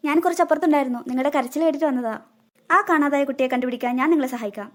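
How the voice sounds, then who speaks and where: A woman voicing a snake queen in human form in a cartoon, gentle and motherly toward children while keeping her secret. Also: high-pitched, very fast, natural voice. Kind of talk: cartoon voice acting.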